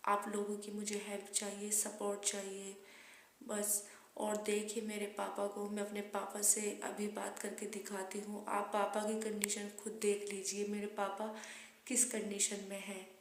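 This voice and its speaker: A woman's voice: mid-range voice, monotone, moderate pace, a little hiss or hum. A woman vlogger speaking to camera, making an earnest, pleading appeal for help and support. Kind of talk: monotone direct-to-camera appeal. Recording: echoey room.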